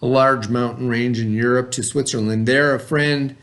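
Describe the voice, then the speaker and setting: Reading a story to a class of children, a male teacher speaks at normal speed in a medium, slightly bright voice with fairly even intonation. He pauses between passages to explain vocabulary and quiz the kids.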